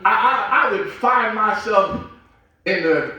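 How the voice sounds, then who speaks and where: A man with a Southern US accent preaching a sermon with call-and-response, slowing down and shouting for emphasis. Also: high voice, expressive. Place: large echoey church sanctuary. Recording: echoey church hall from far off.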